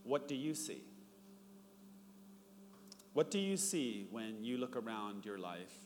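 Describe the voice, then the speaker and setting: Middle-aged pastor preaching in a reverberant hall. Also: male voice, very animated, takes it slowly. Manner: storytelling, acts out dialogue with rising pitch. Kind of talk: sermon. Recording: long reverb, faint background noise.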